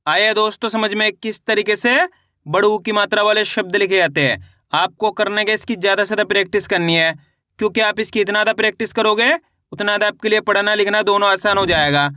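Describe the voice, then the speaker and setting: A man's voice: high-pitched, fairly even intonation, fairly quick, bright, forceful tone, no echo, studio quality. A man teaching children to read and write words, spelling each one out syllable by syllable and answering his own questions. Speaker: Hindi literacy teacher.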